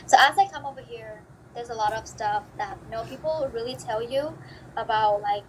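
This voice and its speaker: A woman's voice: on the high side, moderate pace, a little hiss or hum, low-quality recording. A young woman from Vietnam, answering interview questions about studying abroad in a chatty way, full of fillers. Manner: chatty, many "like" fillers, animated quotes. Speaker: interview guest, student abroad.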